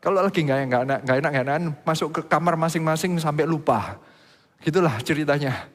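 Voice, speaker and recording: A man gives a sermon-style testimony, telling his story in an animated way with his voice leaping up at the exciting parts. His voice sits on the higher side, and a long reverb from the church hall trails after each phrase. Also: brisk. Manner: animated storytelling, pitch jumping up when excited. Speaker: preacher.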